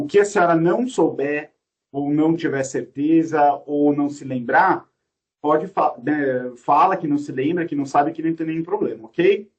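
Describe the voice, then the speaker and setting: A man interviewing a witness, polite and hesitant with restarts in his formal questions. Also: on the high side. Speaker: interviewer taking a statement. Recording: voice distant from the mic.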